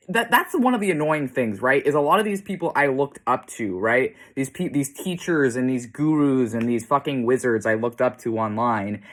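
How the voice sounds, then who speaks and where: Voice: medium pitch, fairly bright tone. A blunt, foul-mouthed vlogger rants straight to camera in an exasperated, casual way. The delivery is peppered with short laughs. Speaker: self-described demonologist vlogger.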